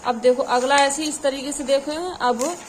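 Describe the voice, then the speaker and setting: A woman with a high voice teaches a grammar lesson for exam preparation. She keeps asking her students questions and then answers them herself. A faint hum of background noise sits under her voice. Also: normal speed. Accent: Hindi. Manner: calls the audience "children", asks questions and answers them herself.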